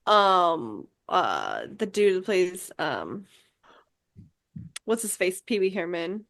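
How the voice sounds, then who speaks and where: A woman's voice: lowish voice, wildly swooping pitch, takes it slowly, vocal fry, over a noisy crowd. A woman co-hosting a podcast, talking loosely with many fillers and casual swearing. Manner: rambling, fills with like and um, swears casually. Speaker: podcast co-host. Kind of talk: casual chat.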